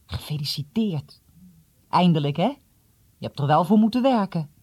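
A gentle teenage boy speaks softly and hesitantly, voiced by a male reader. His voice is a bit higher than the narration and mellow. It is a dry, close recording. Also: animated, normal speed, breathy edge, no echo. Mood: hopeful. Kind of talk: audiobook reading.

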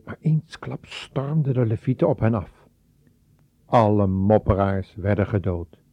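A man narrating a Bible story slowly and dramatically, lifting his voice for quoted speech. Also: fairly low pitch, expressive, no room sound. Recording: dull, lo-fi.

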